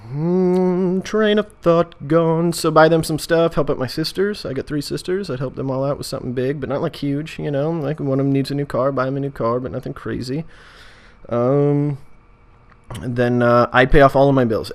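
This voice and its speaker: A man with an American accent chatting casually as a video host, rambling in a jokey way and often interrupting himself. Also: mid-range voice. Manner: jokey, meandering, self-interrupting. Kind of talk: casual rambling vlog chat.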